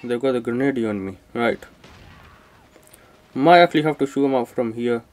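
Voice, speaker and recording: This let's play host speaks at a normal speed in a mid-range, darkish voice, tossing out slangy, casual commentary and muttered reactions. The mic is placed somewhat distant from him.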